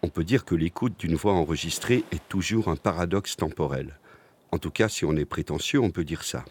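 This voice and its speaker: A man hosting a podcast with intimate, close-to-the-ear scripted narration and a playful, deadpan manner. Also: deep voice, normal speed, a little hiss or hum. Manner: speaking close into the listener's ear; playful, tongue-in-cheek deadpan. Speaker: podcast host.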